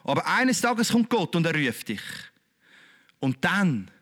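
A man's voice: high-pitched, very animated, normal speed, a bit bright. A man with a Swiss German accent preaching a sermon in a colloquial, emphatic, repetitive way.

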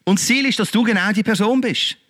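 A middle-aged man, preaching a lively, conversational sermon full of rhetorical questions. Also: sits high, fast talker. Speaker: pastor.

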